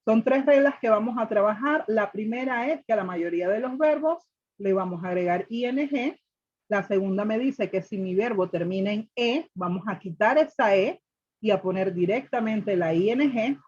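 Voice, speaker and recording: A woman's voice: mid-range voice, normal speed, darkish tone, husky, highs cut off. A woman teacher explaining grammar rules step by step to a class, repeating each rule and asking students questions. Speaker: English teacher.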